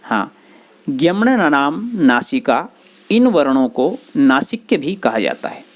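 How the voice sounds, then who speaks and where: A man teaching grammar, explaining slowly and sounding out letters one by one, with short recited rules between them. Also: medium pitch, big pitch swings. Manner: slow, deliberate, spelling out sounds one by one. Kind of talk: explanatory lesson.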